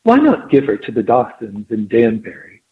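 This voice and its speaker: A man's voice: mid-range voice, huge pitch swings, normal speed. A man voicing a jealous, haughty duchess with affected upper-class diction, heard over a tinny phone line. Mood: scornful.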